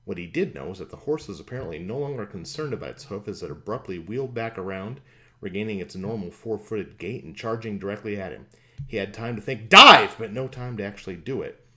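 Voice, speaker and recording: A man narrating a fantasy audiobook in a steady, even storytelling manner. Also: on the low side.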